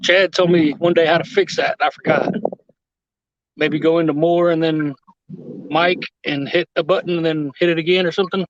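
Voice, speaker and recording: An older man hosting a casual fishing livestream from the river, relaxed and quick to laugh. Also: on the high side, dry recording. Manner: laid-back, laughs often. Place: outdoors by a river, on a boat. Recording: muffled lo-fi stream audio.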